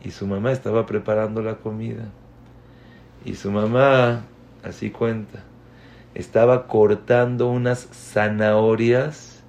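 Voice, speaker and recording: A man gives a community lecture on raising children. His voice is gravelly and his delivery slow and measured, and he often turns to his listeners with questions. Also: lowish voice, a little mellow, dull audio. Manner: slow, deliberate, addresses the audience with questions. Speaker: speaker giving a parenting talk.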